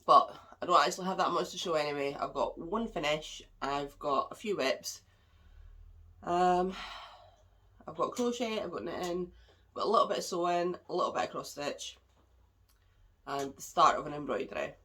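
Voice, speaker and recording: A husky, deep-voiced woman with a sharp tone speaks at normal speed with frequent pauses while hosting a craft podcast from home. She's stuffed up and slightly nasal from a cold, and her casual craft chat wanders a bit.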